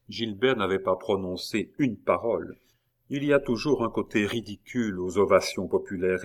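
A man narrates a historical novel in a measured, dramatic reading. His voice sits on the low side and he paces the sentences with care. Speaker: audiobook narrator. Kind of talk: scripted narration.

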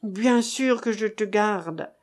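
A woman voicing a pompous old man, a revolutionary judge who blusters loudly, then drops to anxious whispers. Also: sits high, slow. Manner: bombastic, swinging between bluster and whispers.

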